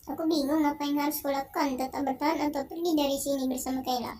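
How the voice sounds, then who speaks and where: A scared young wife from a video game begs and pleads in a high, distressed voice, as a young gamer reads her lines aloud. The pitch stays raised and each line sounds fragile and hurt. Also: fairly even intonation, fast talker, darkish tone, soft background music, natural voice. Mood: sad. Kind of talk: game dialogue read aloud.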